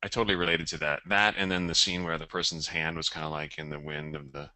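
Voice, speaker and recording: Male webinar host, deep and sharp-toned, short reactions and quick questions. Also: level tone, no echo. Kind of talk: casual interview.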